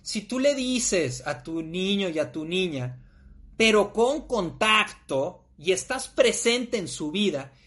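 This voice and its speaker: A podcast host with a Mexican Spanish accent, talking casually and emphatically, full of slang, sometimes acting out little scenes. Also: medium pitch.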